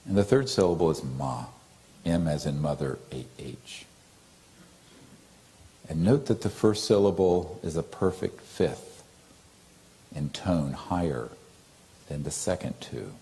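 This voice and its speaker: A man leading a guided meditation, speaking softly and gently with long pauses and chanting a mantra in a drawn-out tone. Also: very deep voice, lively intonation.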